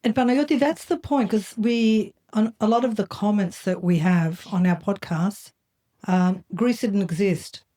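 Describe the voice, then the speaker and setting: A woman's voice: mid-range voice, unhurried, warm tone. A woman hosting a conversational podcast, probing and summing up points as she goes. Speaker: podcast host.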